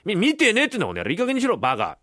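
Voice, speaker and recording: A man doing a gruff stubborn husband. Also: mid-range voice, sing-song, racing, dry recording, studio quality, pitched below the performer's own voice. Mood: angry. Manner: rough, blunt, snapping. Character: gruff stubborn working-class husband, short-tempered.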